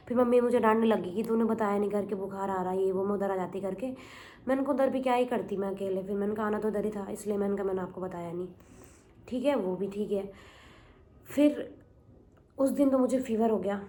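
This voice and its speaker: A woman's voice: on the high side, dark tone, a little hiss or hum. A young woman vlogger telling a long personal story in a casual, rambling way, repeating herself and mixing in English words. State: recovering from illness.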